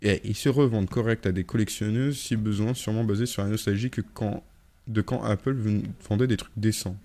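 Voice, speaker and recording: Low, relaxed male gaming streamer; casual, rambling, hesitant, jokey with chat. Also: brisk. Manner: rambling, many hesitations and self-corrections; joking, chats with viewers while playing. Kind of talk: casual live gameplay chat.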